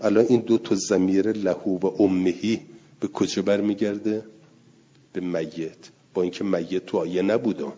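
A man's voice: low-pitched, steady tone, dark tone, a little hiss or hum. A man teaching a lecture class, explaining recitation rules step by step and repeating his examples. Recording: dull lo-fi recording.

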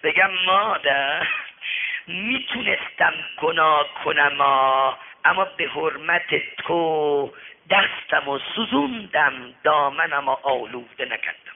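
Pious, stubborn scholar in a storyteller's tale, defiant, fairly high, over a tinny phone line, played by a preacher. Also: male voice, expressive, creaky, a little hiss or hum. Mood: sorrowful. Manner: defiant, sorrowful.

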